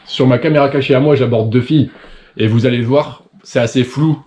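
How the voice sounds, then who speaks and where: Man, mid-range voice, quick delivery, casual vlog host commentary. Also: medium pitch, a little mellow. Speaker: video host.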